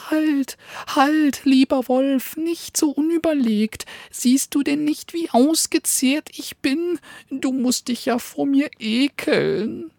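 A shrill, yapping little dog. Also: male voice, gravelly, a little mellow, dry recording, studio quality, heavily acted. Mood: pleading. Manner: yapping, fast and wheedling. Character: small skinny crafty male dog.

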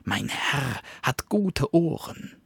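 A man's voice: medium pitch, sing-song, gravelly, slightly rough, no room sound, in a whisper, studio quality, voice pushed up, exaggerated voice. A man voicing a small, skinny, crafty male dog who yaps and wheedles. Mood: tempting. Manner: yapping, fast and wheedling.

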